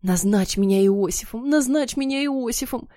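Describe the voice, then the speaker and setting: A woman voicing a mischievous, demanding schoolboy in an audiobook, shouting and whining. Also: a little high, moderate pace, no room sound, studio quality, close to an everyday voice.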